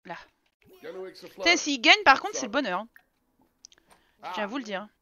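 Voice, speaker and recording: Bright-voiced woman chatting over gameplay. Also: on the high side, very animated, normal speed. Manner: chatty, swears freely, talks to her game characters. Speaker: streamer playing a life-sim game. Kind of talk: casual live gameplay commentary. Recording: dull lo-fi stream audio.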